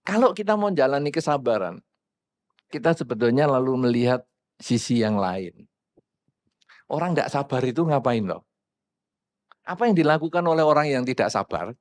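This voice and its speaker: A man's voice: mid-range voice, animated, normal speed, long pauses. A man giving a Dhamma sermon in a conversational way, asking the audience questions and acting out what people say. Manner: conversational, asks the audience questions, acts out quoted speakers. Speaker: Buddhist Dhamma teacher.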